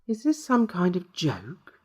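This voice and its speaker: A man's voice: high voice, huge pitch swings, takes it slowly, a little mellow, slightly rough, pitched above the performer's own voice, exaggerated voice. A man voicing a tired man who asks puzzled, incredulous questions. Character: tired man, baffled and uneasy.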